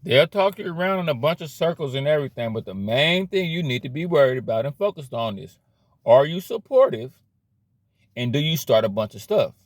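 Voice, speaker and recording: A man's voice: fairly high pitch, big pitch swings, a little fast, no room sound, clean studio sound. A man giving a blunt, slangy motivational rant about cutting problem people out of your life, repeating himself as he preaches. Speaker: motivational vlogger.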